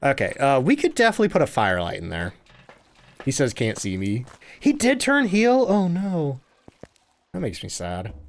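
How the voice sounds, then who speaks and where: A man's voice: on the high side, wildly swooping pitch, moderate pace. A man streaming a game live, chatting, reading viewer comments aloud and laughing often.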